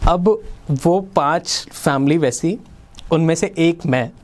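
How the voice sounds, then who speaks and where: A man's voice: on the high side, takes it slowly, darkish tone. A young man with a Delhi Hindi accent, hosting a podcast and telling a long personal story in casual chat, acting out the voices of the people in it. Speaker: podcast host.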